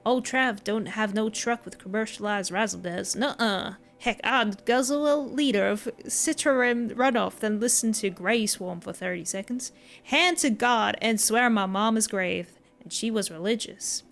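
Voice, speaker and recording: A woman's voice: mid-range voice, normal speed, gravelly, a bit bright. A woman reading out a rowdy, folksy man who loves death metal, in a put-on American drawl.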